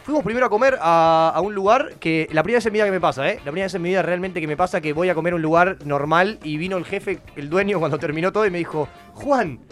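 Man, Argentine Rioplatense accent, young adult, fast-talking, slightly high voice, animated storyteller, casual podcast chat. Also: soft background music. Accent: Argentine Rioplatense Spanish. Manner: animated storyteller, acts out quotes. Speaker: podcast host.

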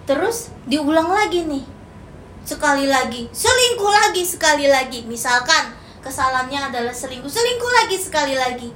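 High bright-voiced woman preacher. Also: very animated, moderate pace, echoey room, a little hiss or hum. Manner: playful, acts out quoted lines, teases the congregation. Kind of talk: sermon. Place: church hall.

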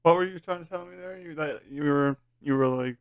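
A man's voice: a little high, a little fast, vocal fry, smooth, no echo. A man hosting a podcast in casual chat, laid-back and stumbling over his words as he goes. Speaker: podcast host.

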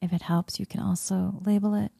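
A woman leading a guided meditation in a soft, soothing spa-like murmur that often slips into a whisper. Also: medium pitch, level tone, a little fast, vocal fry, breathy edge, no room sound, clean studio sound. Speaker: guided meditation leader, Reiki healer.

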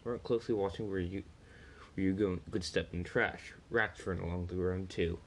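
A man's voice: sits low, fairly even intonation, fairly quick, slight background noise, low-quality recording. A man reading a first-person story aloud, plainly, with small slips and restarts.

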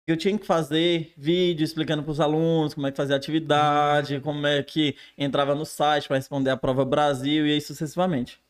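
A man, a teacher, chatting casually on a podcast in a quick, self-deprecating way. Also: fairly high pitch, little pitch movement, clean tone. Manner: fast-talking, self-deprecating. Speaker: teacher and new online creator.

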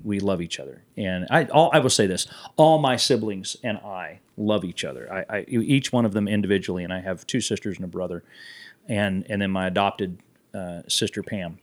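A middle-aged man from Texas, a musician guest on a podcast, telling loose stories in casual chat, swearing freely. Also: fairly low pitch. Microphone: handheld mic.

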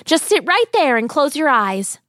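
A woman voicing a small cheerful magical female forest sprite, speaking high and lilting. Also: big pitch swings, normal speed, fairly bright tone, no room sound, studio quality. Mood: kind.

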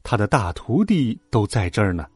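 A man voicing a stern but motherly female bodhisattva in a children's story, speaking slowly and softly. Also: lowish voice, big pitch swings, breathy edge, no room sound, voice pushed down. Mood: stern gentle. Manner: slow, soft, lecturing.

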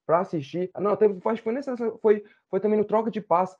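A man, co-hosting a heated football debate show, loud, exasperated and swearing. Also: sits high, quick pace, slightly rough, lo-fi sound.

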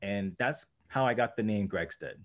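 A man's voice: on the low side, lively intonation, moderate pace. A young man, a guest, telling a story casually and filling his talk with "like" and "you know". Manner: rambling, heavy use of "like" and "you know".

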